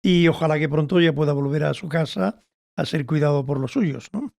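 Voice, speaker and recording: Male biographer guest, higher gravelly voice, earnest and measured, dry close sound. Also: darkish tone, no room sound. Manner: earnest, measured, agreeing often. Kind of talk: casual conversational interview.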